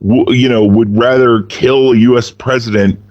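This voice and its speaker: A man rants through a casual podcast chat, cursing freely and leaping up and down in pitch to hammer his points. The audio is dull and lo-fi, with a dry, close sound and no room echo. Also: fairly even intonation, normal speed. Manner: profane, ranting, swings pitch wildly for emphasis. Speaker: podcast co-host.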